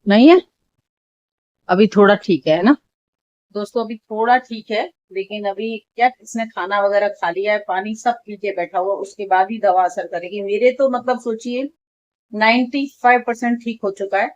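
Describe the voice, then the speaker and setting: A woman's voice: medium pitch, fairly even intonation, moderate pace, muffled recording. Chatty woman vlogging from home. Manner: chatty, keeps addressing viewers as friends. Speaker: vlogger, mother. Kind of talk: casual home vlog.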